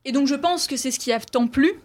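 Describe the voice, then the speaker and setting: Woman, film review chat, hesitant, lots of fillers, slightly high voice. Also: brisk, a little mellow. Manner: hesitant, many fillers and restarts.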